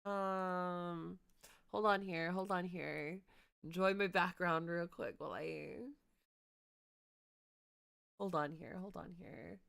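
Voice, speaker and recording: A woman's voice: fairly low pitch, slow, gravelly, pauses often, a bit bright, clear, resonant tone. A woman hosting a casual game livestream, chatting effusively and often repeating her words and phrases.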